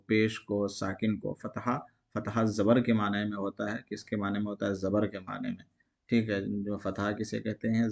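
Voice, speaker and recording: A man's voice: fairly low pitch, darkish tone, dull audio. A man teaching an exam-prep grammar lesson, asking each question aloud and answering it himself in a repetitive call-and-response way.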